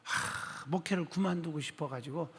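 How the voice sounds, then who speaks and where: A male pastor preaching a sermon, telling a story with animated delivery, acting out quoted speech and putting questions to the congregation. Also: fairly high pitch, normal speed. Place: church sanctuary. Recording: long church-hall reverb.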